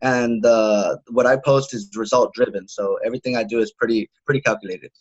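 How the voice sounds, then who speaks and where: This thirty-something man, a guest who sells home security, talks casually but haltingly, restarting his sentences and dropping in plenty of "uh" and "you know." His medium-pitched voice has fairly even intonation and a breathy edge. The highs are cut off in the recording.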